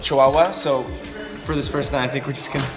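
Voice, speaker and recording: A man's voice: medium pitch, steady tone, fast talker. A man in his twenties talking casually to camera as a travel vlogger. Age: 20s. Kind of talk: casual vlog chat to camera. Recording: loud music over the voice. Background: loud music.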